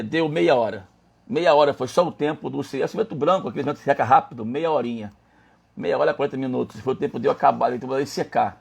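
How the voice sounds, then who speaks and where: A man, a pastor, telling a personal story in a sermon with animated, stammering delivery. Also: medium pitch, gravelly, slightly rough. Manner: animated storytelling, stammering restarts, laughing at himself. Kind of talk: sermon testimony.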